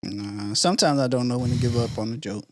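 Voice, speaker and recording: A man co-hosting a casual podcast chat, laid-back, sometimes dropping to low mumbles. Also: a little fast, no room sound, studio quality. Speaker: podcast co-host.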